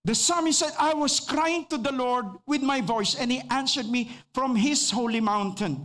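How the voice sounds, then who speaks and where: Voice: high voice, a little slow. A preacher with a Filipino accent giving a radio sermon, mixing English and Filipino and asking the listeners rhetorical questions. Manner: preaches with lively emphasis, stressing key words.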